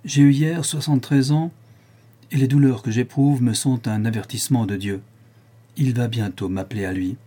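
A man's voice: mid-range voice, steady tone, normal speed, dark tone, breathy edge, close to an everyday voice. A man voicing a proud, domineering count of seventy-three who speaks in a solemn, dry and harsh tone.

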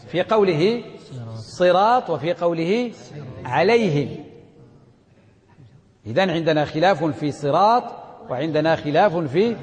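A man with a high voice leads a lesson in the Quranic readings. He questions his students and has them repeat after him. His voice rings out in a hall with a long echo. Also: darkish tone, highs cut off. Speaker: Quran recitation teacher.

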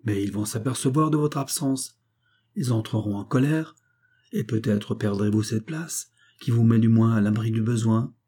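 A kind young peasant girl full of anxious questions, as a male reader puts her on. The husky, mellow voice lifts a little above its usual register for her. It is a storybook character read aloud, not fully acted. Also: lowish voice, moderate pace, close to an everyday voice. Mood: concerned. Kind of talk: audiobook character reading.

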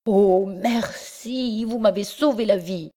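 Brief: woman reading as a jealous old book-dealer, stammering and feverish, low and unhurried. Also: very animated, darkish tone, husky, heavily acted. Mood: excited. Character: old bookseller man, obsessive, jealous of his books.

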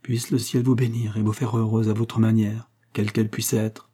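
A man voicing a passionate, heartbroken young suitor who implores with feeling, in a dark husky voice. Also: lowish voice, flat delivery, moderate pace, natural voice. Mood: passionate imploring.

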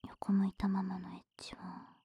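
A woman acts out a drowsy, indulgent older sister in a whispered role-play of intimate pillow talk. Her voice is extremely breathy and soft-edged, with a mellow, dark tone. She sounds lazy and unhurried, very close and dry on the mic. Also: medium pitch, completely flat delivery, no room sound. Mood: languid, indulgent. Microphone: close microphone, dry sound.

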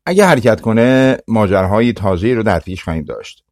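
A man doing a steady young prince. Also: on the low side, no echo, studio quality. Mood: resolute.

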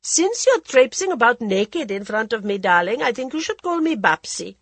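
A grand, worldly older society lady holds court in a storybook, drawling and theatrical, put on by a woman reading aloud. Her voice is husky and a touch higher and louder than plain narration, swooping with lively, arch inflection, recorded close and dry. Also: moderate pace, no room sound, full character voice. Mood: arch, languid. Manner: theatrical, languid drawl, calls everyone darling.

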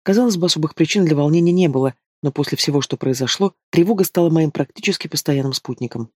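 A man reading a first-person story aloud as an audiobook narrator, in steady, even storytelling. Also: on the high side, quick pace, husky, no echo, clean studio sound. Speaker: audiobook reader.

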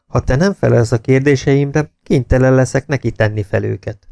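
A man voicing a calm army major who questions a prisoner in a measured way. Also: mid-range voice, creaky, no echo, pitched above the performer's own voice, natural voice. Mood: cool. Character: cool, patient British army major interrogating.

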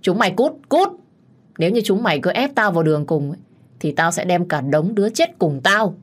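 A woman voicing a crazed, jealous young man who holds a knife and threatens and taunts in a menacing, shouting way. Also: fairly low pitch, a little slow, breathy edge. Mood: raging.

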